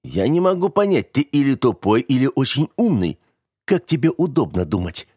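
A man reading an audiobook, voicing an earnest, calm young rich man who coaxes gently and sincerely. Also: mid-range voice, normal speed, slightly rough, no room sound, clean studio sound, pitched above the performer's own voice. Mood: teasing.

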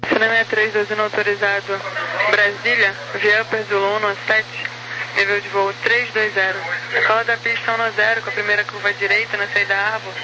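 A Brazilian man, a clearance controller, reading out flight clearances in procedural phrases over crackly military-style radio. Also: high-pitched, level tone, fairly quick. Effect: aviation radio transmission. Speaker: air traffic clearance controller. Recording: crackly, noisy air-band radio. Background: radio static and noise.

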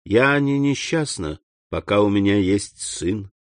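A man reading the part of a sorrowful middle-aged mother who speaks softly and sighs. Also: lowish voice, expressive, unhurried, no echo, clean studio sound. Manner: soft, quiet, sighing.

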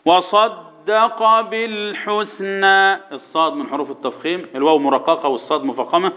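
A man with an Egyptian accent teaching Quran recitation to boys, quizzing them and chanting verses slowly for them to repeat. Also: fairly high pitch, muffled recording. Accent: Egyptian Arabic. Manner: drills students with questions, chants verses slowly. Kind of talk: tajweed lesson to boys.

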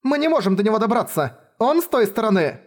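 A man voicing an urgent, frantic young woman who speaks in breathless shouts. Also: high-pitched, animated, a little slow, slightly rough, voice pushed up, heavily acted.

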